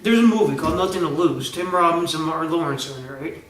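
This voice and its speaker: A man's voice: on the high side, lively intonation, fast, a bit bright. A man co-hosting a casual chat, retelling movie scenes and jokes in a rambling way and acting out the quoted lines. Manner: rambling storyteller with restarts, acts out quoted lines. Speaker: co-host. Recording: roomy, distant mic with faint hiss.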